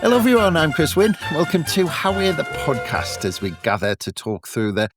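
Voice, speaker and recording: A man's voice: on the high side, very animated, fairly quick, music in the background. A man casually hosting a football podcast and introducing his guests. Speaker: podcast host.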